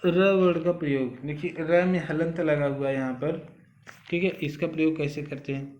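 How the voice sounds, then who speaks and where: In a recorded Hindi grammar lesson, a man explains things step by step, slowly and patiently, often checking in with the listener with "ठीक है." His voice is a little high with fairly even intonation, and the room sounds dull and echoey.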